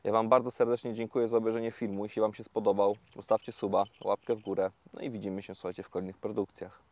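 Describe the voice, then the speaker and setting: A man talking casually to viewers in a fishing vlog, explaining each step in a relaxed, chatty way with many fillers, recorded outdoors by a lake. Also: lowish voice, fast talker, no echo. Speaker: carp fishing vlogger.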